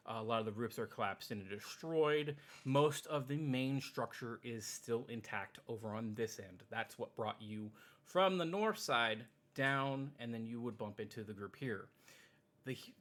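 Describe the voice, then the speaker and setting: Bright-voiced male game master. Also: medium pitch. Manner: casual, rambling with fillers. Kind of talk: narrating a tabletop game.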